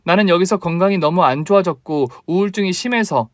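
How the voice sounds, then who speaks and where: A man's voice: high-pitched, a little fast, dry recording, lightly acted. A man voicing a selfish, demanding young wife who whines and accuses in a story radio drama. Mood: cold. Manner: whiny, accusing, nagging.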